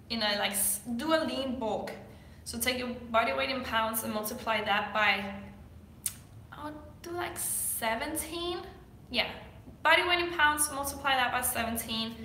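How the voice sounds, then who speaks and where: Bright and forceful, a young woman's fairly high voice answers viewer questions as she plays fitness coach on her casual vlog. She's from Denmark, has a Danish accent, and talks in a relaxed, filler-heavy way. Slight background noise sits under the echoey room sound.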